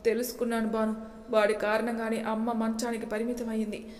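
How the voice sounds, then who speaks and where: A woman voicing a moody young husband with a curt, gruff manner, in a storybook reading. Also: on the high side, monotone, a little fast, darkish tone, close to an everyday voice. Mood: brooding. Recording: echoey room with long reverb.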